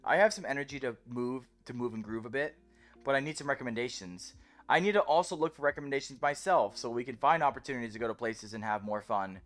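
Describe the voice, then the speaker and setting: A man's voice: mid-range voice, lively intonation, quick pace, fairly bright tone. A man chatting casually as a livestreamer, rambling on and on like a self-described yapper, with music behind him.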